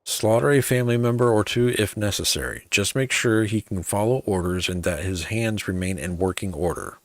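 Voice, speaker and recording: An exasperated archer acted by a man who orders people about haughtily, like a quest-giver in a fantasy game. His pitch sits a little above the performer's usual, in a dry close recording. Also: normal speed, no room sound, lightly acted. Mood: bossy. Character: irritable, bossy male archer with violent demands. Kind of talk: video game quest role-play.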